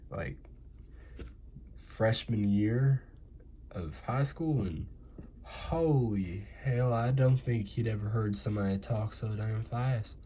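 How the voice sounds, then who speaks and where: A young man with a Southern American accent rambles and jokes to himself as he draws, hosting an animation channel from indoors at home. His voice is lowish and mellow, with slight background noise. It's casual drawing commentary.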